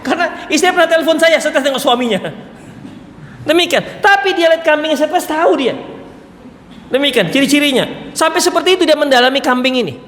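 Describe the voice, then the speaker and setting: A male preacher giving a mosque sermon in a lively way, with joking asides and acted-out quotes. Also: very high-pitched, a little fast. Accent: Indonesian. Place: mosque hall. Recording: echoey hall, faint room noise.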